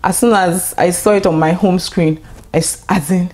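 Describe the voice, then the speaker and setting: A young woman chatting straight to her viewers in a casual vlog. Her voice sits a little low, and she talks in an excitable, chatty way, full of fillers and quick laughs. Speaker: YouTuber.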